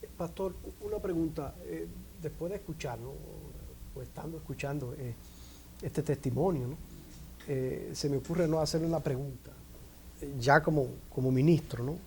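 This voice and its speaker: A man's voice: a little high, normal speed, a little mellow, a little hiss or hum. A man, a TV interviewer, asking a question hesitantly with many "eh" and "¿no?" fillers.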